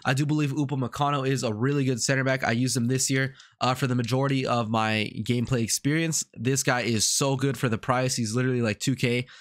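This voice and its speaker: A man with a cold-congested, sick-sounding voice talks fast with few pauses in his video game commentary as a gaming YouTuber. His pitch is medium and his intonation fairly even, and he rambles casually, repeating himself with many fillers.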